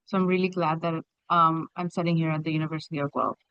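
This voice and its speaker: A young woman from Kenya speaks earnestly and with measure on a panel. Her voice is smooth and mid-pitched. The recording is dry and dull. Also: steady tone, fast, fairly bright tone, no echo. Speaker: undergraduate student panelist. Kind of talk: panel answers. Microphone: video call.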